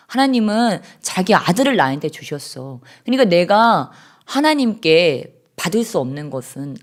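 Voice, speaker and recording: Woman pastor in church, sermon voice, wide swings from hushed to loud praise. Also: mid-range voice.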